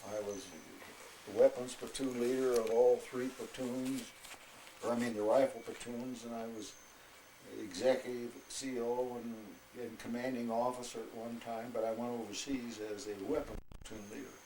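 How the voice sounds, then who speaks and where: A man in his eighties, an old military veteran recalling his service in an interview in a halting, unhurried way. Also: medium pitch, level tone, warm tone. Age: 80s. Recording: echoey room with faint noise.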